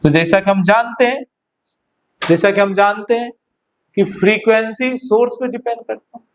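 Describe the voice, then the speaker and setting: A man teaching a physics class in a Hindi-English mix with an Indian accent, dictating notes slowly and often asking students whether they follow. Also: high voice, steady tone, slight background noise. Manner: slow dictation of notes, checks understanding with repeated questions. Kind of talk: classroom lecture.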